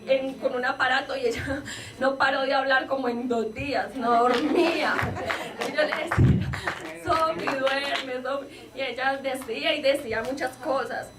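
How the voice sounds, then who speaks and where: A woman's voice: high-pitched, steady tone, moderate pace, crowd noise. A woman pastor giving an earnest personal testimony from the pulpit, acting out the dialogue as she retells it. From Colombia. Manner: earnest storytelling, reenacts dialogue with rising emotion. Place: church hall with congregation. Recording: echoey church, voice from a distance, congregation around.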